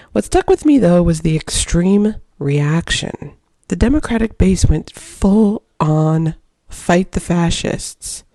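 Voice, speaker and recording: Woman, podcast host, warm mellow tone, argues her points with emphasis, dry close-mic sound. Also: low voice, vocal fry, dry recording. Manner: opinionated, emphatic, argumentative. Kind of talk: solo opinion podcast monologue.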